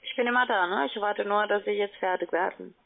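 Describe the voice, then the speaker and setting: On a tinny, narrowband phone line, a woman with a mid-range, creaky voice talks a little fast, formally selling financial services in German. She is not a native speaker, and her phrasing reflects that.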